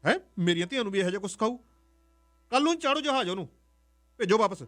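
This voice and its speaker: A man voicing an indignant middle-aged aunt who scolds in a shrill voice. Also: expressive, racing, fairly bright tone, faint music behind. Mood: outraged.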